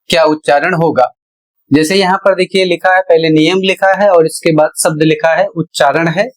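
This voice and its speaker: A man's voice: on the high side, low-quality recording. A man teaching English pronunciation in an explanatory lesson, spelling words out letter by letter before saying them.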